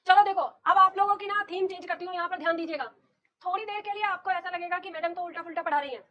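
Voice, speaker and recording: A woman who teaches Hindi for competitive exams lectures on the Hindi alphabet, explaining step by step and quizzing her students. Her voice is extremely high, steady, fast, pushed and bright.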